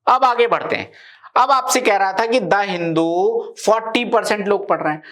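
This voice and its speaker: A man's voice: high-pitched, moderate pace, fairly bright tone. A male maths teacher giving a live class, explaining each step and often checking that his students follow.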